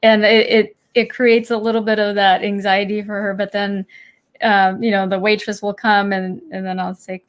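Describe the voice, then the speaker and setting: A middle-aged woman co-hosting a spiritual self-help show in a casual chat. She is soft-spoken and a little hesitant, and often fills pauses with ums. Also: mid-range voice, flat delivery. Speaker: podcast co-host.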